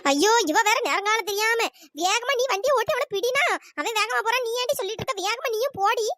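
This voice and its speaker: A performer voicing a furious jealous wife in a cartoon, scolding and name-calling, with a pitch-shifted voice. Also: fast, pushed and bright, dry recording, clean studio sound. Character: furious jealous wife chasing her cheating husband. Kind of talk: cartoon comedy voice acting.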